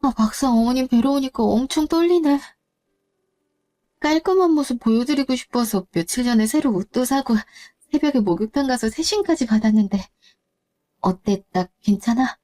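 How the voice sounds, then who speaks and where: A woman's voice: on the high side, lively intonation, moderate pace, mellow, natural voice. A woman voicing a nervous young woman who stammers politely in a story drama. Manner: shy, stammering. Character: nervous young woman meeting her future mother-in-law.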